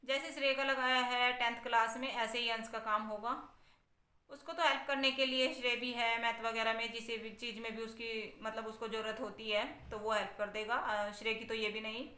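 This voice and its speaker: Woman, vlogger, chatty, bright tone, echoey room. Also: a little high, flat delivery, brisk. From India. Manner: chatty, conversational, asks viewers for opinions. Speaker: family vlogger, mother of sons. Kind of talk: casual vlog talk to viewers.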